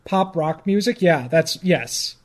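High-voiced man ranting sarcastically on a podcast. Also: animated, slow. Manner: sarcastic, mock-exasperated ranting. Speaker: podcast co-host. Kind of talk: casual podcast banter, reading aloud.

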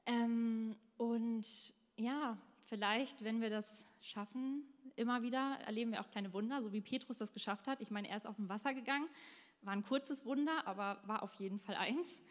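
A young adult woman giving a casual devotional talk, chatty, with many fillers and slang. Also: fairly high pitch. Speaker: speaker of a short devotional talk. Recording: long reverb in a hall.

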